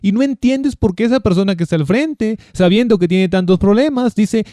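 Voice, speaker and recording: Emphatic man preaching, somewhat high voice. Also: lively intonation, fairly quick, dark tone, no room sound, studio quality. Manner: emphatic, asks rhetorical questions. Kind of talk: Bible teaching sermon.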